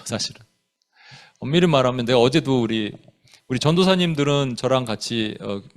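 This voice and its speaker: A male pastor preaching in a church sermon, telling the story with animated delivery and acting out the people he quotes. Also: on the high side. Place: church sanctuary.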